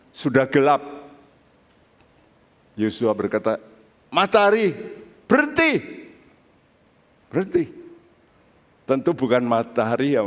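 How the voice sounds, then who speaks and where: In a church sanctuary, a male pastor preaches slowly and conversationally, then suddenly breaks into excited, high-pitched bursts. The large hall gives the recording a long reverb.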